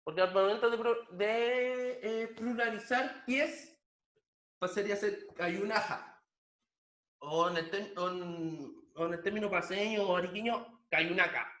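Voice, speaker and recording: A man's voice: sits high, a little slow, fairly bright tone, roomy sound. A man teaching an online language lesson, patiently repeating words and drilling pronunciation.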